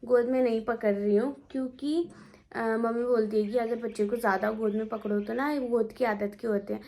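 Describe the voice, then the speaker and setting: A young woman with a slightly high voice talks through a casual home vlog. She rambles in an easy, conversational way and circles back over her own words. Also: fairly even intonation, fairly quick, a little mellow. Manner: rambling, conversational, repeats herself. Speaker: family vlogger. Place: at home indoors.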